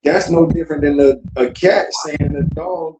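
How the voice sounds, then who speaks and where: A man's voice: a little high, fairly even intonation, moderate pace, distant mic, noisy background. A man co-hosting a casual group discussion, making emphatic, lecturing points and speaking straight to his listeners. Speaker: podcast co-host. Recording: roomy echo, set back from the mic.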